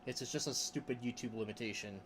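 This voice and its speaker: Reading chat aloud during a casual livestream, this male streamer rambles, restarts, and laughs frequently between thoughts, mentioning that his voice range is pretty high. He talks fast in a slightly bright voice, with a little background noise.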